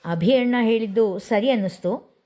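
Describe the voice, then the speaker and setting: A woman voicing a proud young woman who answers curtly and quickly. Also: fairly high pitch, mellow, lightly acted.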